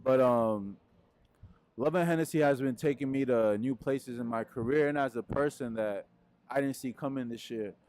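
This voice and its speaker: This young male musician from Peru speaks at normal speed and mid pitch, answering interview questions casually into a handheld mic. There's a little hiss or hum in the audio; he sits indoors by a wooden wall, rambling easily with frequent fillers.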